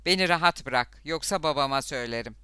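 A man voicing a bold, sharp-tongued young girl who hisses and scorns, in a storybook reading. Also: fairly high pitch, animated, normal speed, smooth, no echo, clean studio sound. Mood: scornful. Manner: hissing, scornful.

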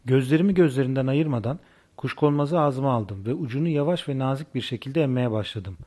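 A male narrator reading a first-person novel aloud for an audiobook. His delivery is calm and even, and his voice is mellow and warm at a middle pitch. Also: brisk.

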